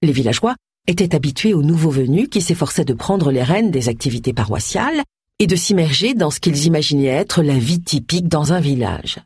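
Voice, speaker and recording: A woman narrates an audiobook in a wry, lively storytelling voice. Her voice is husky and lowish, moving widely in tone. The recording is dry and close. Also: a little fast, no echo. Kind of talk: scripted narration.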